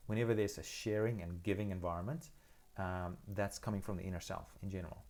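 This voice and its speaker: A middle-aged South African man whose first language is Afrikaans hosts a casual live Q&A straight from his phone. His somewhat low voice moves fast as he answers viewer questions in a relaxed, thoughtful, hesitant way, full of ums, fillers, and restarts.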